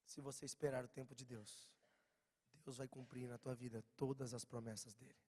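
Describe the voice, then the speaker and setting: A Brazilian man with a slight cold, preaching a lively storytelling sermon to young people, swinging from loud bursts to quiet low lines. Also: normal speed, slightly rough. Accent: Brazilian Portuguese. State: slightly hoarse, has a cold. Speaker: preacher at a youth meeting. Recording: long church-hall reverb.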